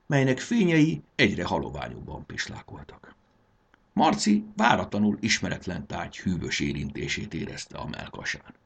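A man reads a children's fantasy story aloud with dramatic expression. His low voice is gravelly and husky, and it swings widely in pitch as he tells the tale. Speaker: narrator.

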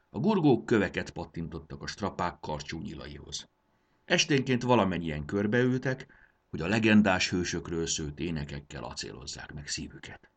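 A man narrating a fantasy audiobook with expressive storytelling. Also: low-pitched.

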